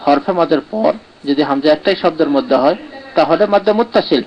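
A man's voice: on the high side, fast talker, dull audio. A man teaching Quran pronunciation in a live lesson, explaining step by step and often checking in with "right?". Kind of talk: live online lesson answering comments.

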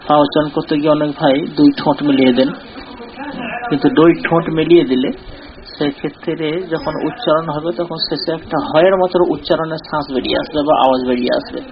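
Man teaching slowly over a dull recording. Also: fairly high pitch, fairly even intonation, crowd noise. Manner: slow, deliberate explaining, repeating drilled syllables. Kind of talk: recorded lesson.

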